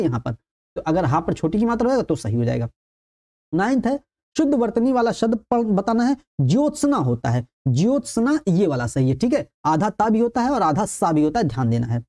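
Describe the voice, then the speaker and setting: A woman leads an exam-prep lesson, her pitch rising and falling in a lively way. Her voice sits on the dark, mellow side. She goes through answers one by one, repeats them and keeps asking if the point is clear. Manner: addresses viewers as friends, repeats each answer with frequent checks of "okay"; stresses what is important and tells viewers to keep it in mind. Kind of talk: online lesson on exam questions.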